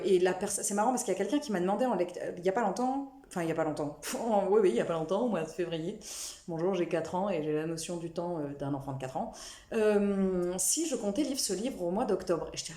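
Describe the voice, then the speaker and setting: A woman's voice: medium pitch, warm tone, echoey room. A young adult woman chatting casually about her books to camera, self-mocking and full of restarts. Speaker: book vlogger.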